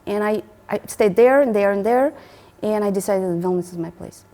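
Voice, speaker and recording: She's a Moldovan woman in her forties with a Moldovan accent, a guest in a casual interview who tells stories with plenty of laughter and animation. She often restarts her sentences, speaking at a moderate pace with a medium pitch.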